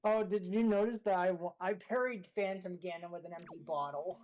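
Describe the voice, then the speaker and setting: A woman streaming a game and chatting casually with friends in a medium-pitched voice. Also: fairly quick, a little mellow, poor audio. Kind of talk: casual gaming chat. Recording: game music behind the voice.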